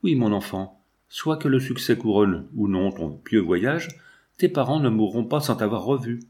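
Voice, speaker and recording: A man's voice: lowish voice, animated, moderate pace, darkish tone, close to an everyday voice. A man reading the lines of a tender, grieving old father in an audiobook, solemn and pleading.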